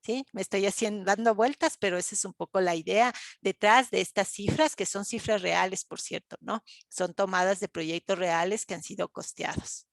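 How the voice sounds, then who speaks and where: A woman's voice: mid-range voice, moderate pace, vocal fry, hardly any pauses, no echo. A woman, lecturing an online class, explaining step by step with frequent fillers and check-ins to students. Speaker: university lecturer.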